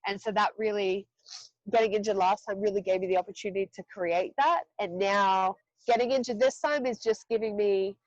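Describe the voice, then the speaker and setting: A woman's voice: mid-range voice, a little fast, no room sound, lo-fi sound. A woman in her thirties from Australia, a podcast guest chatting candidly and loosely, with swearing and laughing asides. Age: 30s. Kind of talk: casual interview chat.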